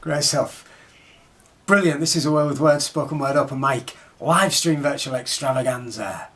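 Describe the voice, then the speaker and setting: A man's voice: a little high, normal speed, fairly bright tone. A man hosting an open mic, announcing performers in an emphatic showman's manner. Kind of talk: show compering, announcing performers.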